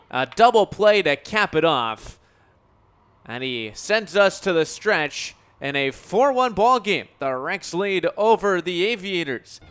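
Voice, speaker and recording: Here a man delivers live radio play-by-play of a baseball game, his phrases clipped and punchy and swelling at big moments. The voice sits high with a fairly bright tone.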